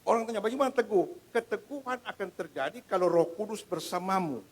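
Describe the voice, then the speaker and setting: Male pastor, middle-aged, sermon in a church, high voice, big lively melody, loud-to-hushed swings. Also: fairly quick, poor audio. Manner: swings between loud proclamation and hushed storytelling. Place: church sanctuary.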